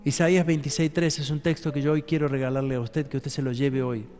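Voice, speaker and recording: A man's voice: mid-range voice, little pitch movement, quick pace, a little mellow, long reverb tail, faint music behind. A man preaching a sermon as pastor, emphatic and speaking directly to his congregation.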